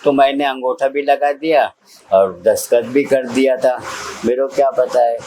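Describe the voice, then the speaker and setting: An older man from central India, an old age home resident, telling his own life story in a halting, simple way with many repetitions. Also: medium pitch, steady tone, dark tone, rough recording. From Nagpur, India. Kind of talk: personal testimony in an interview.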